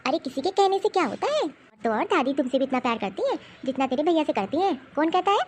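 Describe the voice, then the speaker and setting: A woman's voice: high voice, sing-song, normal speed, a little mellow, slight background noise. A woman voicing a young mother who comforts her daughter in a cartoon. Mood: soothing. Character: caring young mother, worried.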